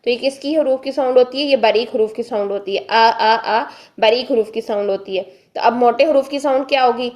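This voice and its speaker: A woman's voice: on the high side, darkish tone. Patient woman teaching letter sounds. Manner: patient, repeats letter sounds slowly and drawn out; explains step by step, asks and answers her own questions. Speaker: Quran reading teacher. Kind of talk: recorded online lesson.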